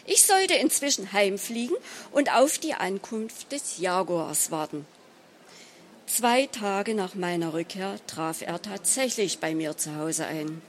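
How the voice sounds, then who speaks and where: Slow, measured woman reading a story. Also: medium pitch, expressive, a little hiss or hum. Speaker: story reader. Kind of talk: reading a humorous short story aloud.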